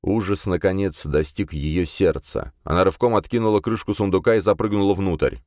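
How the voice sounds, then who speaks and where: A man reading a novel aloud as an audiobook narrator, in measured, expressive storytelling. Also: low-pitched, no room sound, clean studio sound. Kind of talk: scripted narration.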